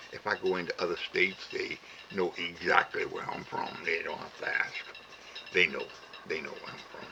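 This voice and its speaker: A very deep, gravelly older Cajun man tells stories about his heritage in a plain-spoken way. He talks slowly and ramblingly to the camera, halting often with "uh" pauses and repeated words. The lo-fi recording sounds dull and carries background hiss.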